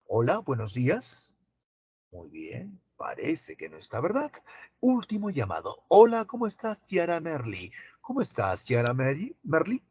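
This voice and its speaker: A man teaching an online class, asking students drawn-out questions. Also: on the high side, huge pitch swings, darkish tone, slightly rough, no echo.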